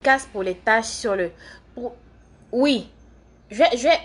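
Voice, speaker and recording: A woman's voice: fairly high pitch, expressive, takes it slowly. A young woman from Côte d'Ivoire, chatting casually on a livestream, answering comments in a rambling way while doing her makeup. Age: young adult. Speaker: live streamer and student.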